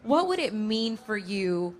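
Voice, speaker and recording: A woman's voice: medium pitch, big pitch swings, slow. A woman with an American accent, hosting a boxing press conference as moderator. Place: live press event, at a table of fighters.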